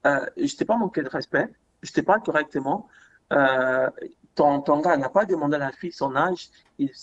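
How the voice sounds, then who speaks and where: A young man telling a story in casual chat, animated, repeating words and acting out the dialogue. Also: on the high side. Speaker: podcast guest. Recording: dull lo-fi sound.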